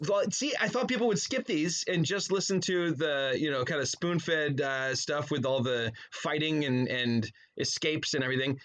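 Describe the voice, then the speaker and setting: As a casual guest in a podcast interview, a man rambles through his stories, regularly breaking off into asides that trail away. His voice is on the high side and fairly bright, moving at a moderate pace with few pauses.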